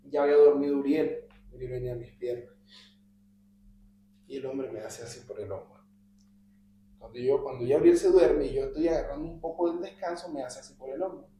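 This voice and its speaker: A man's voice: medium pitch, fairly quick, mellow. A man in a Bible study group recounting a personal experience, dropping almost to a whisper when he quotes his prayers. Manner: vivid storytelling that drops to a near-whisper when quoting prayers. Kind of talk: telling a personal story in conversation. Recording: echoey room with faint hum.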